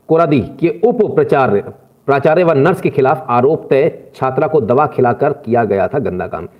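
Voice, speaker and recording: A man giving opinionated news commentary, lecturing his viewers in an indignant tone. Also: mid-range voice. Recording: tinny phone-like sound.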